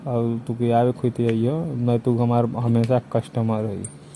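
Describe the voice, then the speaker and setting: A man with a Bhojpuri accent talks casually on a telephone call. His voice sits at an ordinary male pitch, and the recording carries clear background noise. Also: level tone, slow pace, mellow. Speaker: caller. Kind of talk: casual phone chat. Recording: noisy phone call recording.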